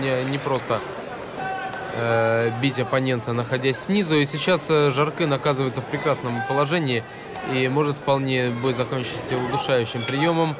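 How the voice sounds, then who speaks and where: A male MMA commentator from Russia calls the fight live in a mid-pitched voice. His phrasing is halting and broken by pauses. A loud crowd and heavy venue noise surround him.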